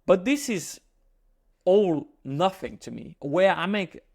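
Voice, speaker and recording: A man's voice: high voice, animated, slow pace, gravelly, a little mellow. A man from France with a French accent, talking to camera in a casual, joking monologue with self-mocking asides. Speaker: finance YouTuber.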